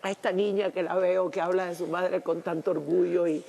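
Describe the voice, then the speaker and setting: A woman from Cuba, a reality show contestant speaking emotionally by a campfire, halting and repeating words, near tears. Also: fairly low pitch, level tone, gravelly, dark tone, a little hiss or hum. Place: outdoors at a campfire at night.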